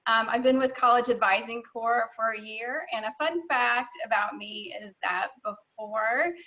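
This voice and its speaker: A woman's voice: on the high side, unhurried, pushed and bright. A woman from rural Illinois introducing herself on a video call, friendly and chatty. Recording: dull lo-fi call audio.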